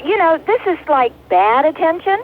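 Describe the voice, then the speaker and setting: A woman calls in over a clipped car phone line that sounds thin and tinny. Her voice sits high. She speaks in an indignant, moralizing way. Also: sing-song, moderate pace, slight background noise. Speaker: caller. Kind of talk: call-in talk radio.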